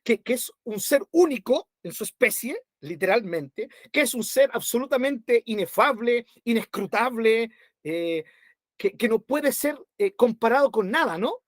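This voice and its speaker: A man's voice: very high-pitched, lively intonation, measured pace, no room sound, studio quality. A man teaching a Bible study to his congregation, conversational, with constant rhetorical tag questions.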